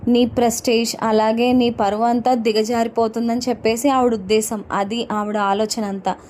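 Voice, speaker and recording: Woman voicing a worried young husband, earnest, pleading, mellow tone, no real voice change. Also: fairly high pitch, flat delivery, moderate pace, slight background noise, lightly acted.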